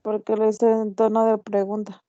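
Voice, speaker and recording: A woman's voice: mid-range voice, monotone, moderate pace, dark tone, no room sound. A woman student answering the teacher's questions briefly in class. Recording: dull, dry lo-fi audio.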